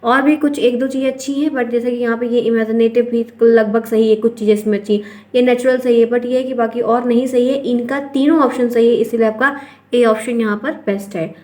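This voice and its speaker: A woman's voice: a little high, steady tone, fairly quick, a little mellow. A woman teacher with an Indian accent, explaining exam questions step by step and calling her viewers friends. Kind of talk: exam-prep lesson.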